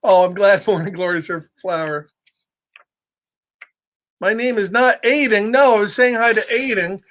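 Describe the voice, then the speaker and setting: A man with a high, fairly bright voice speaks at a moderate pace while hosting a children's storytime. He chats playfully and talks straight to his young listeners as he reads, mixing casual livestream chat with story reading.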